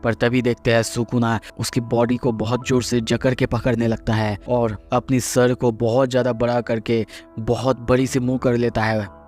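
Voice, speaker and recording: A man narrating an anime episode recap in a steady, explanatory storytelling way, mixing English words into his sentences. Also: medium pitch, normal speed, soft background music.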